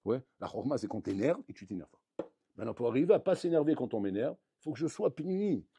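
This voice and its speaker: A man, a rabbi, giving a lively Torah lesson, acting out little dialogues and swinging between loud outbursts and quiet asides. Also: medium pitch, fast talker, creaky, a little hiss or hum. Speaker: rabbi teaching a Torah class.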